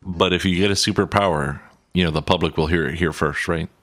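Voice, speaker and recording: Low-voiced man with jokey short replies. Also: fairly even intonation, a little fast, a bit bright, no echo, clean studio sound. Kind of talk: casual chat.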